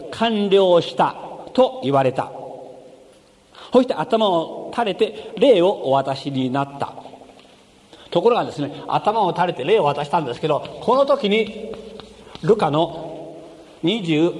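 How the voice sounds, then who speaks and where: A man delivers a sermon, reading scripture and then explaining it step by step, his voice rising for emphasis. His pitch sits fairly high for a man and moves a lot. The recording carries a long hall reverb over a faint background ambience. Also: a little mellow, slight background noise. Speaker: preacher.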